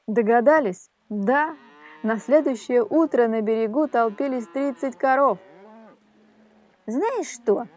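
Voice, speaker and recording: A woman reading a fairy tale aloud in a lively, animated storytelling manner. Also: on the high side, measured pace.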